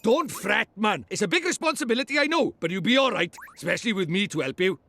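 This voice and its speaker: A tiny, self-important fairy lord for a fantasy game, with a very high voice and a strong Welsh lilt. He swoops up and down theatrically, blustering and cheeky as he chatters on. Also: expressive, fast talker, gravelly, bright, forceful tone, full character voice. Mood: coaxing. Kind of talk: animated fantasy game voice acting.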